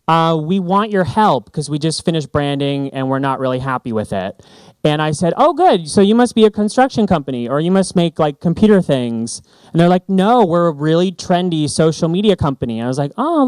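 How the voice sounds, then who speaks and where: Upbeat male speaker, slightly high voice, dry close sound, emphatic and playful. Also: clean tone, no room sound. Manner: animated, joking, emphatic. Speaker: branding speaker. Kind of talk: stage presentation. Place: conference stage.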